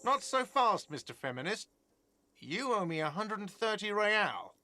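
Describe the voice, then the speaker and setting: A man's voice: sits high, very animated, normal speed, pushed and bright, faint music behind, exaggerated voice. An actor playing an irritable, sarcastic male cafeteria manager in a video game, mocking and exasperated.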